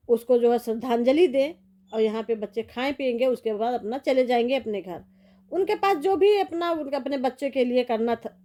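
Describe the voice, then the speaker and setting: A woman's voice: high voice, dark tone. A middle-aged woman vlogger commenting casually and sorrowfully, rambling with sympathy.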